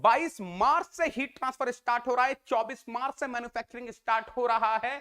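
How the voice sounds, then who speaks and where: A man with an Indian English accent teaches a live online exam-prep class in a mix of Hindi and English. He repeats each phrase, coaxes students to answer, and calls them "beta." His extremely high voice is bright, forceful, smooth, fairly even in intonation, and fast.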